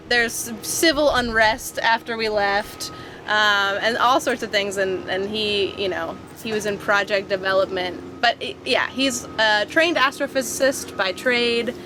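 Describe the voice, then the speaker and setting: This young woman's voice sits fairly high as she guests on a podcast from inside a van, with slight background noise. Originally from the Washington DC area and raised abroad, she spins animated stories in casual conversation, acting out what people said and laughing frequently.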